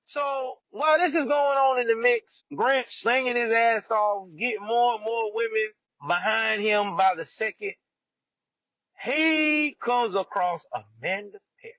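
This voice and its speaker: A man hosting a podcast, retelling a true-crime story in a slangy, animated way and talking straight to his listeners. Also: very high-pitched, unhurried, dry recording, highs cut off. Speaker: podcast host.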